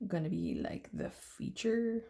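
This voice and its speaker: A woman's voice: fairly low pitch, wildly swooping pitch, measured pace, vocal fry, mellow. A Canadian woman hosting a nail art tutorial, chatting casually and playfully with jokes and silly sounds. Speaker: nail art channel host.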